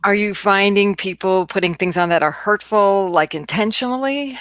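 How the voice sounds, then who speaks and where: A woman's voice: mid-range voice, moderate pace, fairly bright tone, no echo. A woman hosting a casual podcast, asking friendly, reflective questions. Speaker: podcast host.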